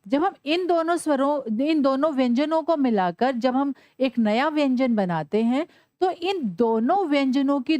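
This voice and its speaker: A woman teaching a Sanskrit lesson to children, asking questions and answering them herself, spelling out letters slowly. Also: high voice, darkish tone, dry recording. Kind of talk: classroom lesson.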